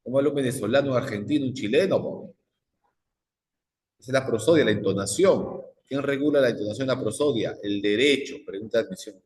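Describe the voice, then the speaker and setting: A man gives a psychology lecture, firing repeated questions at the class. His mid-pitched voice rings through a large room, and a long reverb trails each phrase. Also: fast talker, hardly any pauses, a little mellow. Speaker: psychology teacher.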